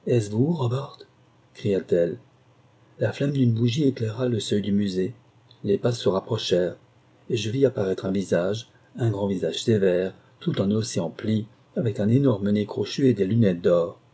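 A man narrating a story in the first person in a measured, dramatic way. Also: lowish voice, warm tone, slightly rough. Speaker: audiobook narrator. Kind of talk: scripted narration.

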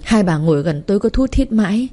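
A woman reading a first-person story in a calm, even way, over faint music. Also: mid-range voice, fast. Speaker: narrator.

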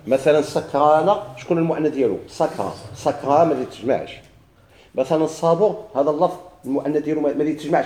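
Moroccan male teacher, fast classroom delivery, asks and answers his own questions, dark tone. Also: on the high side, echoey room. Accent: Moroccan Arabic. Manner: questions himself and answers, repeating examples. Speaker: grammar teacher. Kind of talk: classroom grammar lesson.

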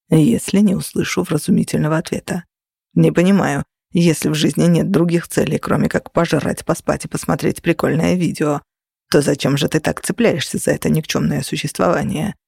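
A narrator voicing a mocking, menacing young man who threatens softly and sneers, in an audiobook. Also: on the high side, vocal fry, husky, no room sound, studio quality, pitched below the performer's own voice, full character voice. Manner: sneering, quiet and unhurried threats. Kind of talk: audiobook character voice.

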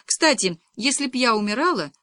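A woman voicing a gentle, soft-spoken young wife in an audiobook, speaking with a sigh. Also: fairly high pitch, expressive, brisk, no room sound, pitched above the performer's own voice. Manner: sighing, gentle.

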